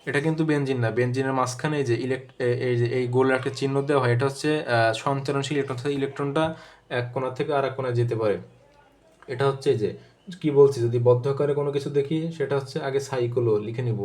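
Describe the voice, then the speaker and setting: A young man with a Bangladeshi Bengali accent works through chemistry exam questions like a tutor. His voice stays flat and even in pitch. He fills the gaps with hesitations, corrects himself mid-word and drills memory tricks by repeating them. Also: quick pace. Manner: thinking aloud with many fillers and self-corrections. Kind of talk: exam-prep lecture, solving multiple-choice questions.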